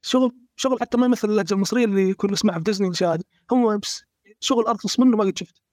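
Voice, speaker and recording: A man's voice: high-pitched, racing, darkish tone, dry recording, studio quality. A man in a casual gaming discussion, blunt and emphatic as he complains.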